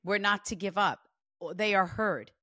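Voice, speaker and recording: A woman's voice: medium pitch, measured pace, no room sound, clean studio sound. A woman in her forties working as a psychic medium, talking chattily with lots of "like" through a reading. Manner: chatty, animated, peppered with "like". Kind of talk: spirit reading session.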